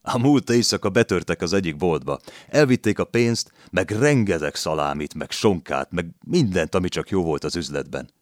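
A rough, barking detective, as a male narrator puts him on, loud and brusque. The voice sits a little higher and harder than the narration. The reading is dry and close. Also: lively intonation, few pauses, no echo. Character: gruff, brusque police detective, grown man.

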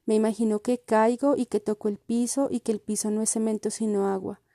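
A woman reading a first-person literary story in a calm, measured way. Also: fairly high pitch, dry recording, clean studio sound. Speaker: reader.

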